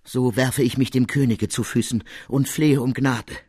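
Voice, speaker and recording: A man reading the part of a distraught older noblewoman who pleads and cries out emotionally, in a husky voice. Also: mid-range voice, fairly even intonation, normal speed, a little mellow, dry recording, clean studio sound, natural voice. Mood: pleading.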